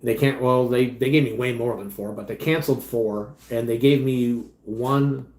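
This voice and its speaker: A man's voice: mid-range voice, fairly even intonation, moderate pace. Casual male streamer, rambling and conversational, recorded in a roomy, echoing space. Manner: rambling, chatty, trails off quietly. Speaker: livestream host and delivery driver. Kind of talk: casual livestream chat reading comments. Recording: echoey room.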